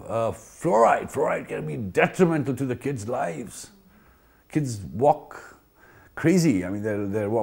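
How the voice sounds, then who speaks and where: Here the trainer's voice is on the low side, creaky, darkish and a little rough. An Indian-accented man running an informal pool company training, he hammers points home through repetition and frequent rhetorical questions.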